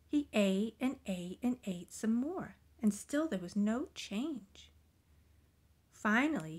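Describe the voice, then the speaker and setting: A woman reads a children's picture book aloud in a gentle, expressive storytelling voice. Her lines often sink into soft, breathy whispers before rising again, with a mid-range pitch typical for a woman. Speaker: storybook reader.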